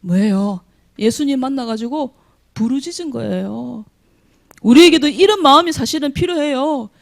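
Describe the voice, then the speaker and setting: A woman's voice: sits high, lively intonation, moderate pace, creaky. A woman preaching a sermon to young people, often quizzing her listeners with questions and acting out heartfelt prayers. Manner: acts out dramatic prayers. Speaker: youth preacher. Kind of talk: children's sermon.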